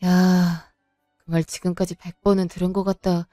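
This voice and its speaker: A woman voicing a frank male friend who lectures calmly and bluntly. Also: lowish voice, normal speed, no echo, studio quality, soft background music, lightly acted.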